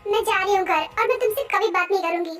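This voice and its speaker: Fan-dub heroine, a woman doing a bright-voiced college girl, sweet and easily offended. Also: very high-pitched, quick pace, soft background music. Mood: sulky. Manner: sulky, affectionate. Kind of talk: amateur fan dubbing.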